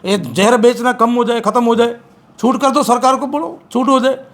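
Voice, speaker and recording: A man speaking as an activist in an interview, forceful and repeating his points with emphasis. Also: very high voice, steady tone, normal speed. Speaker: campaign activist. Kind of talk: interview, political criticism.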